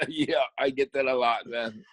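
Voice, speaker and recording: Relaxed Hawaiian man, dry close sound. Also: medium pitch, slow pace, slightly rough, no room sound. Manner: relaxed, rambling, frequent restarts. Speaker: interview guest. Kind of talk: casual interview talk.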